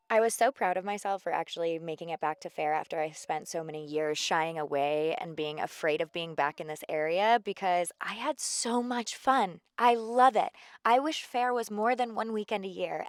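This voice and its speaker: A young woman chatting casually into her phone camera, bubbly and excited, with a mouth full of food at times. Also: lowish voice, smooth, no room sound, clean studio sound. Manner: bubbly and chatty, upspeak-heavy storytelling. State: eating while talking. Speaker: vlogger. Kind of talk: casual vlog chat. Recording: noisy vehicle background.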